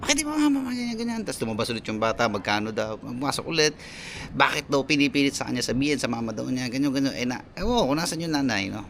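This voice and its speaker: A man's voice: medium pitch, fast, creaky. A young Filipino man, a delivery rider, talking in a casual vlog rant, exasperated and scolding. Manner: exasperated, scolding, filler-heavy. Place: outdoors on a motorcycle. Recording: loud road and engine noise. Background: traffic and engine noise.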